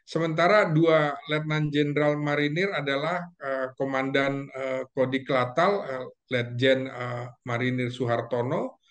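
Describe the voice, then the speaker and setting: A man who is a guest analyst in a casual discussion, going through names and facts methodically, with many pauses and fillers. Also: medium pitch, steady tone, fairly bright tone.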